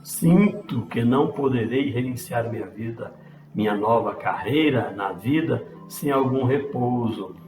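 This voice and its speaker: A man's voice: mid-range voice, unhurried, a little mellow, natural voice. A man voicing an earnest young man pleading with his father, in a roomy space with faint music.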